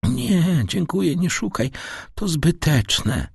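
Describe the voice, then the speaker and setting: A man voicing a frail, tender old father who talks slowly, his voice rising into high, shaky tones. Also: animated, vocal fry, darkish tone, slightly rough, no room sound, studio quality, full character voice. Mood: weak, gentle. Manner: quavering and slow, breaking into high tones.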